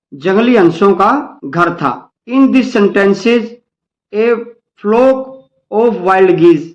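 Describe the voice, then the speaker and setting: A male teacher with an Indian accent reads each English line slowly, then explains it in Hindi to the children he calls dear kids. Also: sits high, dull audio. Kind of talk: bilingual English-Hindi lesson.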